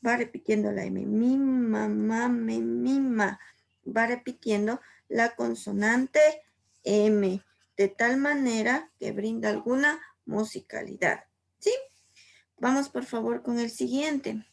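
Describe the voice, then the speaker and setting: A woman's voice: on the high side, creaky. A woman teacher explaining literary figures in a patient lesson, often checking in with her students and repeating her points. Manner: repeats "por favor" and "¿sí?", explains slowly with examples.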